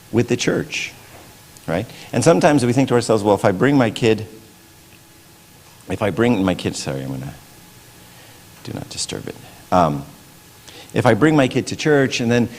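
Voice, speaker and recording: A man's voice: lowish voice, a little mellow. A man giving a casual, conversational sermon in a church, often checking in with the listeners by asking "right?". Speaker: preacher. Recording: long church reverb.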